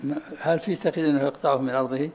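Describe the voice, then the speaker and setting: A man teaching a study circle as sheikh, explaining texts at an unhurried pace and often asking students to repeat what they said. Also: fairly high pitch, steady tone, a little mellow. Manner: unhurried, often asks "ha?" to have things repeated. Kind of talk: lesson commentary with questions and answers.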